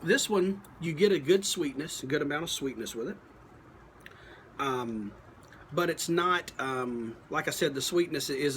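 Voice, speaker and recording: A man giving a casual, unscripted product review, thinking aloud in a halting, folksy, plain-spoken way. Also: mid-range voice, fairly bright tone, slight background noise. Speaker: pipe tobacco reviewer.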